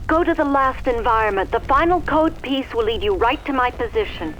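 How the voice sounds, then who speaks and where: An actress voicing a self-assured female agent in a video game, commanding and deliberate. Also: fairly high pitch, animated, fairly bright tone, slight background noise, poor audio.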